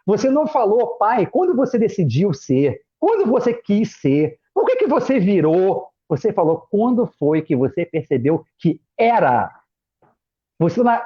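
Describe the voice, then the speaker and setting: In muffled lo-fi live stream audio, a middle-aged Brazilian man with a high-pitched, husky voice chats casually as a guest. Once a pastor, he recounts personal stories with animation, imitating his children and family in quotes.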